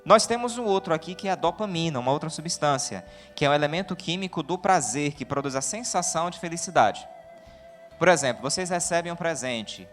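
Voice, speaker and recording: A man with a Brazilian Portuguese accent preaches in a fairly high voice, lively and joking. He keeps putting questions to his listeners. Soft music plays faintly behind him. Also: fairly quick. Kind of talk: sermon.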